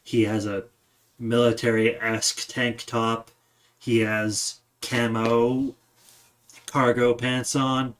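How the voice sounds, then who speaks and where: A man's voice: medium pitch, little pitch movement, slow, a bit bright. A man narrating a tabletop game as game master, describing scenes and often restarting his sentences.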